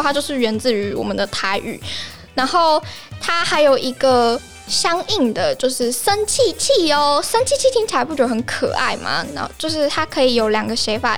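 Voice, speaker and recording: A woman with a Taiwanese Mandarin accent hosting a casual language lesson on slang in a chatty, playful way. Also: fairly high pitch. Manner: chatty, playful, acts out short examples. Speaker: podcast host and Japanese teacher.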